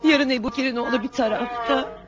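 A woman's voice: high-pitched, fairly even intonation, quick pace, natural voice. Lady doing a grieving older mom in a period drama, lamenting, muffled audio, music in the back. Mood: mournful. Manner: mournful, lamenting. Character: grieving older woman, mother and aunt. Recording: dull lo-fi audio with music behind.

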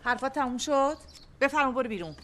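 A woman's voice: sits high, lively intonation, a bit bright, a little hiss or hum. An actress playing a stern middle-aged mother who speaks curtly, firmly and with formal politeness. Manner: curt, firm, formally polite. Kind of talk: TV drama acting.

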